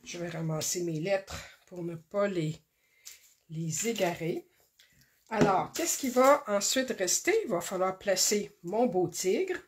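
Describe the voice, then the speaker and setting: A woman hosts a card-making tutorial, talking slowly and carefully through each step with many pauses and fillers. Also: medium pitch, animated, slight background noise. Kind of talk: casual craft demonstration.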